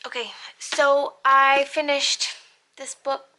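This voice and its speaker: A young woman talks in a loose, rambling vlog about what she is reading. Her voice sits a little high and sounds very bright and forward. She gushes, trails off mid-thought, and swears freely. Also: little pitch movement, takes it slowly. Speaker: book vlogger.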